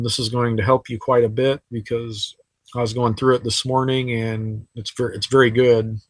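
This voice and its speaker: A man's voice: medium pitch, fairly bright tone, dry recording, rough recording. A man teaching anatomy in a casual, chatty recorded lecture over slides, with frequent fillers. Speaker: anatomy instructor. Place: sitting while recording.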